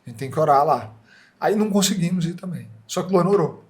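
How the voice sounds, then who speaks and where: A man's voice: fairly high pitch, quick pace. A man with a Brazilian Portuguese accent, an entrepreneur telling a story in a casual interview and acting out the dialogue. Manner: animated, acts out dialogue in quoted voices. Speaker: franchise entrepreneur guest.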